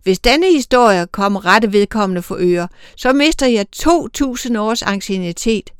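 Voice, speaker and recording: A woman's voice: mid-range voice, expressive, smooth, no room sound, clean studio sound, lightly acted. A woman playing a stern, bossy senior angel. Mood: curt. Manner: sharp, commanding, clipped.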